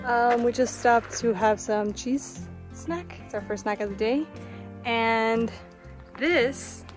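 Young woman, casual hiking vlogger, slightly high voice, phone at arm's length outdoors, music bed under her. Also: slow. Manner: chatty, laughs often. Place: mountain trail outdoors.

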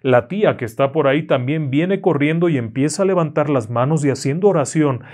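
A man narrating a horror story in a slow, dramatic way. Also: on the high side, darkish tone.

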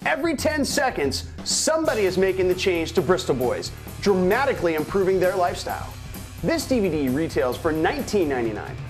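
Animated male infomercial pitchman. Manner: exaggerated, emphatic parody pitchman delivery. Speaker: infomercial host. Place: small indoor room, speaking to camera.

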